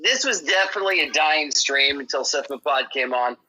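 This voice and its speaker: A man's voice: on the high side, a little fast, sharp tone, husky, low-quality recording. A man in casual, slangy banter on a gaming stream, talking things up like a hype man.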